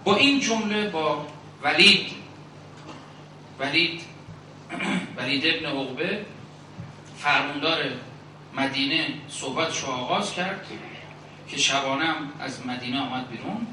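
Cleric guy preaching, bright voice, lists stuff with pauses, big echoey hall, mic kinda far. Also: fairly high pitch, slight background noise. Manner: rhetorical, builds long spoken lists with pauses; recites verse and Arabic phrases. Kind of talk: sermon. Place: religious gathering in a large echoing hall. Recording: very echoey hall recording from a distance.

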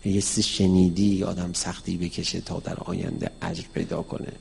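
A man giving a religious lecture on mysticism to an audience, speaking in a lively way and acting out the dialogue he quotes. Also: low-pitched, gravelly, a little hiss or hum. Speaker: cleric teaching mysticism. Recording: long hall reverb.

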